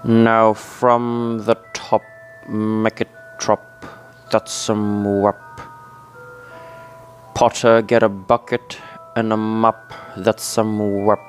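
A man playing a solemn reciter who intones rap lyrics in a deadpan, drawn-out way. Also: fairly low pitch, soft background music.

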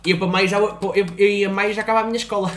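A man's voice: sits high, fairly even intonation, quick pace, a bit bright. A young man with a European Portuguese accent, streaming a game in casual chat, swearing a lot, teasing and loose.

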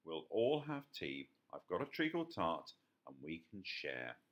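A man voicing a cheerful, kindly man who cares for animals, in a gentle, unhurried storybook reading. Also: low voice, wildly swooping pitch, exaggerated voice.

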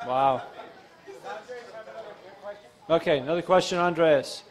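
A middle-aged man co-hosting a soccer post-game show in a bar, with a quick, dry, teasing way of talking. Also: a little high, some chatter behind. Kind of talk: casual post-game analysis. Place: dim bar. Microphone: studio mic on stand with foam cover, headphones.

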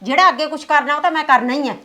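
A woman's voice: high-pitched, very fast, sharp tone. An actress playing a stern but caring village mother who soothes her daughter-in-law and scolds her drinking son. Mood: scolding. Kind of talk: village family drama acting.

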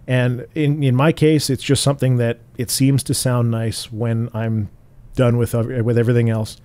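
A tutorial host with a naturally deep, mellow male voice walks through a piece of software at a moderate, unhurried pace. His explanations are relaxed, and he occasionally starts a phrase over. Recorded at home, the audio is close and dry with no echo.

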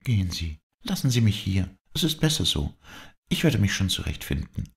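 A man with a deep voice voicing a tender, sorrowful young woman in an audiobook, speaking softly and pleadingly. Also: sing-song, moderate pace, creaky, heavily acted. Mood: despairing.

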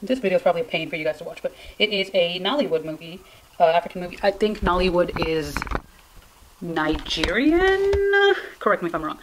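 Young woman vlogging at home, talks really fast, rambly and self-deprecating, kinda dramatic and pleading. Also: fairly low pitch, animated, a little hiss or hum, low-quality recording. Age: young adult. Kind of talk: casual chatty challenge vlog. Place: indoors in a room at home.

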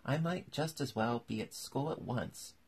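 A man's voice: medium pitch, measured pace, darkish tone, a little hiss or hum, voice pushed up, close to an everyday voice. A man voicing a polite, curious and slightly timid young girl in a storybook. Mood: put upon. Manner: polite, wondering, earnest. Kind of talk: storybook character voice.

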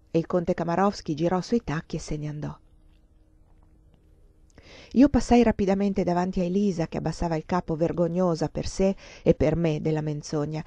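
A woman narrating a novel in the first person, with a measured, expressive reading. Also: on the low side, dry recording. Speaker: audiobook reader. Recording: dull lo-fi dry recording.

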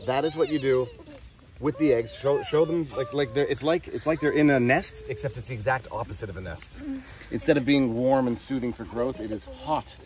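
A man's voice: medium pitch, fairly quick, darkish tone. A man in his thirties casually vlogging a family camping trip outdoors, talking wryly into a handheld camera at arm's length. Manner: playful, wry, chatty with his kids. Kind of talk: casual family travel vlog. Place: outdoors at a campsite and roadside.

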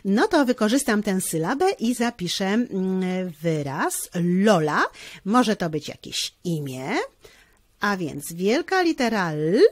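Woman teaching handwriting, lively pitch. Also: no echo. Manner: slow, step-by-step instruction with frequent hesitation fillers. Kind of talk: handwriting lesson for children.

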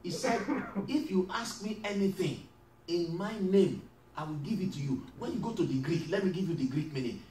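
A man with a high voice preaches a sermon in an echoey church hall, the mic a little far off. He calls out questions for the congregation to answer and builds to shouts. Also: moderate pace, slight background noise. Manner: call-and-response preaching, rising to shouts. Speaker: pastor.

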